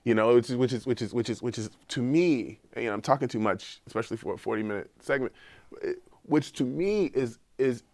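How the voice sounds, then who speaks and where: A middle-aged guest researcher with a cold sniffles through an earnest podcast conversation, repeating words as he searches for his point. His mid-range voice is fairly quick and darkish in tone, with no room sound.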